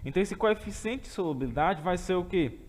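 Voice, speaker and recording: A man's voice: high-pitched, lively intonation, a little fast, darkish tone, long reverb tail. A man teaching a remote chemistry lesson with a Brazilian Portuguese accent. He explains step by step and often checks in with his students. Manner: explains step by step, keeps asking "tá certo?".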